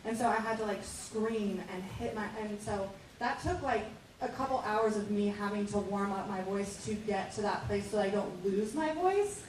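A woman's voice: medium pitch, moderate pace, darkish tone. A woman voice actor speaking on a convention panel, chatty and full of "like" fillers. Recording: echoey hall, far from mic, noisy.

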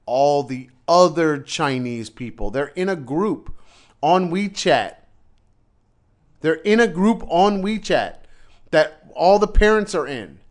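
A man's voice: fairly high pitch, expressive, slow pace. A man who teaches English in China, telling a story in casual chat with a ranting, exasperated manner. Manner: exasperated storytelling rant, repeats himself.

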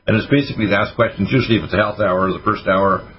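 A man with a somewhat low voice rattles off advice at speed, in a hyper, rushing manner. His voice comes through dull, lo-fi radio audio with a faint hiss behind it. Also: fairly even intonation. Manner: rapid, hyper delivery. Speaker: radio show host, doctor giving health advice. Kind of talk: casual radio call-in talk.

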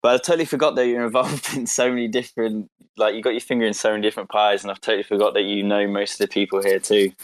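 A man with a fairly low voice hosts a casual online chat. He is chatty and laid-back, and the sound is dry and close. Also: level tone, very fast, no room sound. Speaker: host.

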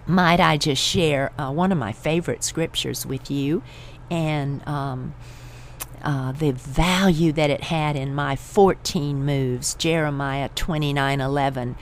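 Middle-aged woman, deep and unhurried, pastoral and comforting, faint hiss behind. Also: fairly even intonation. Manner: gentle, reassuring, pastoral. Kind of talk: encouraging devotional talk.

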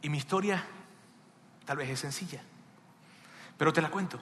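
Pastor, bright forceful voice, dramatic sermon delivery, echoey hall. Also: male voice, fairly high pitch, moderate pace. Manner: passionate, dramatic swings in loudness.

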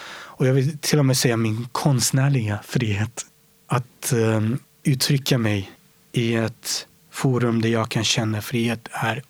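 A man being interviewed, talking earnestly and reflectively, often sinking to a soft whisper to stress a point. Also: medium pitch, dry recording. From Sweden. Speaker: interview guest.

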